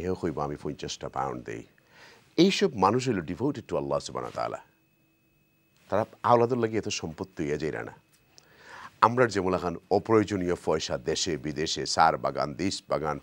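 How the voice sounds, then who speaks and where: Animated man with a deep voice. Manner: animated, switching between English and Bengali. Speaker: TV charity appeal presenter. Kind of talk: live charity appeal presenting.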